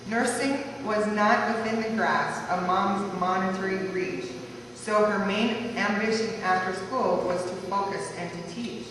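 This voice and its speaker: Reading a verse tribute at a family gathering, this woman has a mid-range, fairly bright voice, a steady tone, and a slightly slow pace as she sing-songs through a rhyming life story. The sound comes from far away in an echoey hall, with background noise.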